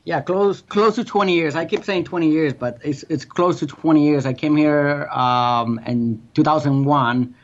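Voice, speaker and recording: Man, from Guatemala, interview guest, relaxed, filler-heavy, dull lo-fi audio. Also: fairly high pitch, normal speed, few pauses. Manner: relaxed, conversational, many "you know" fillers. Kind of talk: interview answers.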